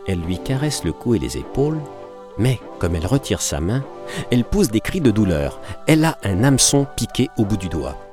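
Lively deep-voiced male storyteller. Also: brisk, music in the background. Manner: lively, acted-out narration. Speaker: audiobook reader. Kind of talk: expressive literary reading.

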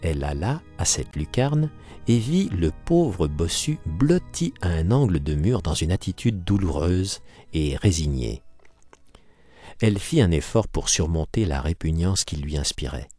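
A man's voice: sits low, sing-song, unhurried, warm tone, slightly rough, faint music behind. A man narrating a classic novel as an audiobook, reading expressively. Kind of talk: scripted literary narration.

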